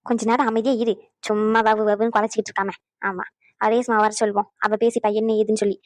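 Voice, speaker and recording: A woman's voice: a little high, little pitch movement, fast talker, no room sound, studio quality, close to an everyday voice. A woman voicing a stern, bossy older mother-in-law in a cartoon who scolds and gives orders. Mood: commanding. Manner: scolding, commanding, sarcastic. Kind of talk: cartoon voice acting.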